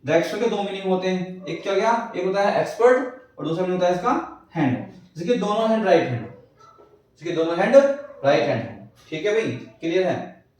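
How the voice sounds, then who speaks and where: High-voiced male teacher in an echoey classroom. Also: lively intonation, a little fast, darkish tone. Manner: asks the class questions and answers them himself; repeats checks like "clear hai". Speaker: English teacher. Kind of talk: classroom lecture in Hindi with English terms. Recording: echoey classroom, far from the mic.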